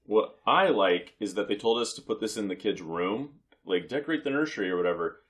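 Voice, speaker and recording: Man, young adult, low pitch, casual co-host, rambling, self-interrupting, wry. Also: lively intonation, brisk, a bit bright. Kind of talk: casual chat.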